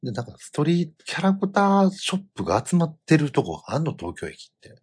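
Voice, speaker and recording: A middle-aged man with a Kansai accent, telling a family travel story in casual chat, animated and given to loud outbursts. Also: on the high side, fast talker, slightly rough.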